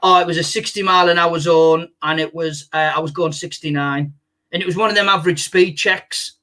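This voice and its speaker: A young man co-hosting a casual chat show, telling sweary anecdotes and laughing at himself. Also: on the high side. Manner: animated storyteller, quick to laugh at himself. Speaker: co-host.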